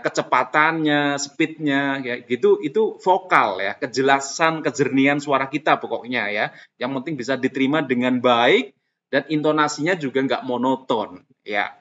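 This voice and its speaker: A man's voice: mid-range voice, a bit bright. A man giving a casual, chatty tutorial to teachers, explaining step by step with lots of fillers. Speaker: teacher trainer. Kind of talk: casual screen-recorded tutorial. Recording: dull lo-fi sound.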